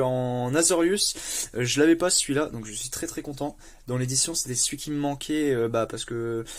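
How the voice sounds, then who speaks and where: A chatty man gives casual commentary while opening booster packs. His voice sits at an ordinary middle pitch, and he pads his talk with fillers. He trips over English card names, and good pulls set off bursts of excitement.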